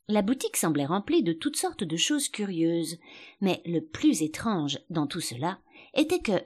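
A woman narrating a children's storybook with a lowish voice. Her pitch rises and falls freely. She reads in a measured, expressive way. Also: slightly rough. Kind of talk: scripted audiobook narration.

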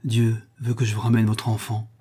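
A man's voice: lowish voice, completely flat delivery, moderate pace, dark tone, slightly rough. A man voicing a fervent, devout young marquise. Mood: earnest. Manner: fervent, pious. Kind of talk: audiobook character voice.

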